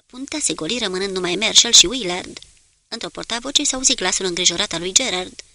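A woman narrates a naval war story as an audiobook, her delivery steady and measured. Her voice is bright and forward, sitting at an ordinary pitch for a woman.

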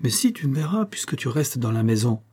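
A man voicing a kind invalid lady who speaks gently but firmly to her young servant, in a read-aloud novel. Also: medium pitch, very animated, a little fast, husky. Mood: gentle, firm. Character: kindly invalid lady, firm yet tender.

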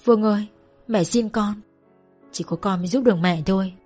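A desperate mother in a spoken story, begging and tearful, as a woman reader puts her on. Her pleas sit at an ordinary middle pitch over soft music in the background. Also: brisk, lightly acted. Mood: pleading. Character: desperate pleading mother in debt.

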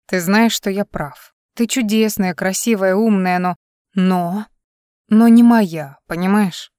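A woman's voice: mid-range voice, fairly even intonation, takes it slowly, darkish tone, dry recording, clean studio sound, lightly acted. A woman reading an audiobook, voicing a tired, level-headed young male musician who speaks curtly and patiently. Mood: firm, weary.

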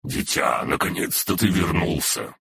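A man reading an audiobook voices an ancient male demon who speaks in a solemn, archaic, quiet way. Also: very deep voice, expressive, a little slow, creaky, breathy edge, no room sound, clean studio sound, heavily acted. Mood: grave.

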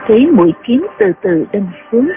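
A woman's voice: fairly high pitch, sing-song, moderate pace, vocal fry. Woman narrating a martial-arts novel. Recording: tinny phone-like sound with loud music.

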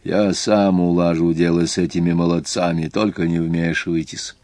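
A man playing a gruff, impatient coach conductor. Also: low-pitched, level tone, normal speed, a little mellow, no room sound, lightly acted.

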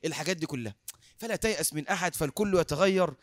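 A man with an Egyptian accent preaching through a lively story, acting out the dialogue and laughing often. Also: a little high, racing, no room sound, clean studio sound. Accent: Egyptian Arabic. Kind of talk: sermon storytelling.

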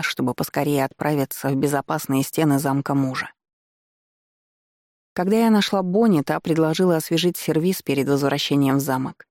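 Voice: medium pitch, a little mellow, no room sound, clean studio sound. Чтец ровно читает любовное фэнтези от первого лица.

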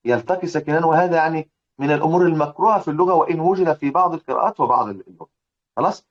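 A man's voice: a little high, racing, lo-fi sound. A man with an Egyptian accent teaching a religious lesson on recitation rules, who drills his students with repeated rhetorical questions. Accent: Egyptian Arabic. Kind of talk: religious lesson explaining a poem.

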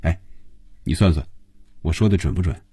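A man's voice: sits low, normal speed, dark tone, breathy edge, no room sound. A man voicing a wry, understated man in an audiobook, dodging teasing with dry jokes. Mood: candid.

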